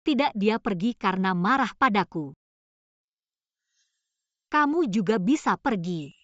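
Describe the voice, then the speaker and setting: A young actress dubbing a cool, sharp-tongued heroine in a short drama, cutting and composed. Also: female voice, medium pitch, lively intonation, measured pace, no echo, highs cut off, close to an everyday voice. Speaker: dub actress.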